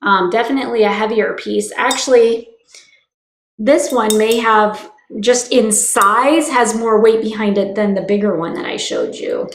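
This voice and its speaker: Boutique co-host, woman, relaxed unhurried chat with ums, recorded in a reverberant room. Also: mid-range voice, a little hiss or hum. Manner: chatty, with frequent ums and small laughs. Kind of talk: casual live-stream product chat.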